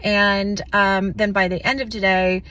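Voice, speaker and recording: A woman talking casually to the camera in a vlog, out of breath and shaky, her words a little slow and slurred, candid and chatty with fillers. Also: mid-range voice, little pitch movement, sharp tone. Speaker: vlogger.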